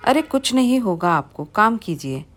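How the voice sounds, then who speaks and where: A woman's voice: mid-range voice, lively intonation, normal speed, darkish tone, natural voice. A woman reading as a bossy, heartless young wife. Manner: bossy, curt. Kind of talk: storybook reading.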